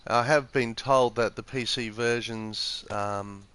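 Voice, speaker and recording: A man with a mid-range, fairly bright, smooth voice speaks slowly in a steady tone. Congested from the flu, he streams a game live, giving relaxed, hesitant commentary and explaining as he goes. His PS4 headset mic picks him up in a room next to an office, where the windows are open.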